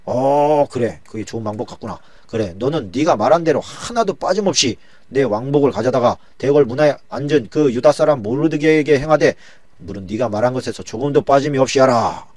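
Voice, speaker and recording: A man's voice: medium pitch, lively intonation, brisk, darkish tone, no echo, lightly acted. A man voicing a blunt, commanding ancient king in a dramatized Bible retelling. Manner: imperious and blunt. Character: commanding, hot-tempered ancient male king.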